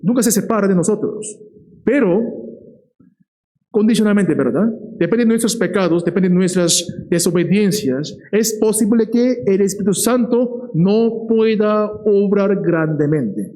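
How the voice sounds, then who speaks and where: A man preaching a sermon in a lively way. He often checks in with the listeners and slows down to stress key words. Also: sits high, poor audio.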